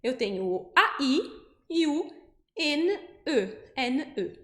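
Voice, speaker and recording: A Brazilian woman teaching French pronunciation, explaining patiently step by step and saying each example word slowly. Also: high voice, big pitch swings, a bit bright, echoey room. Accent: Brazilian Portuguese. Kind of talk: pronunciation lesson.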